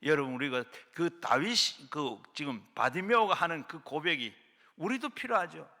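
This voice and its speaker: A middle-aged male pastor preaching a fervent sermon, swinging between loud shouts and hushed low lines, at a prayer retreat hall. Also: lively intonation, moderate pace.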